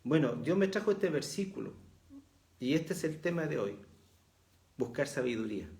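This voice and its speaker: A man's voice: fairly high pitch, big pitch swings, normal speed, a little mellow. A middle-aged man with a Chilean accent, preaching a reflective sermon and rising in emphasis as he reads verses aloud. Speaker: pastor.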